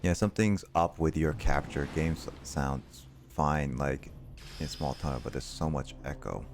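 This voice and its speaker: A man's voice: very deep voice, a little slow, a little mellow, a little hiss or hum. A young man giving casual live gameplay commentary, rambling and hesitant as he thinks aloud. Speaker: video game streamer. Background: game music.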